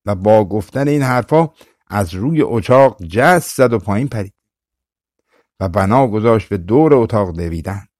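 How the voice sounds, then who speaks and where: A man narrating a folk tale in a calm, measured storytelling voice as an audiobook reader. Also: on the low side, dry recording, studio quality. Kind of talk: scripted narration.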